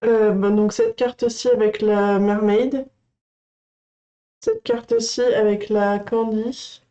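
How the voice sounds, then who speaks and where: Gushing woman unboxing, mellow voice. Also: medium pitch, slow, dull audio. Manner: gushing and excitable, chats to viewers. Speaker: coloring channel streamer. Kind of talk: casual livestream unboxing chat.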